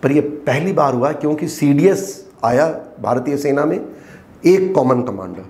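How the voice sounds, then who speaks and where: A middle-aged man, a retired army colonel, speaks as an interview guest with a fairly high voice. He argues emphatically and often turns to rhetorical questions, pressing each point hard. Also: expressive, a little slow, a little mellow. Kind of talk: interview, explaining.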